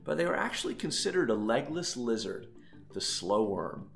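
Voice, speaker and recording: A man's voice: medium pitch, big pitch swings, normal speed, vocal fry, faint music behind. A man hosting an animal quiz, reading playful clues and teasing the contestants. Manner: jokey, teasing, laughs between lines. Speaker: quiz host.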